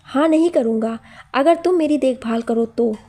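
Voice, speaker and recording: A woman's voice: high voice, normal speed, dark tone. A woman voicing an injured young man who complains and makes demands. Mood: complaining.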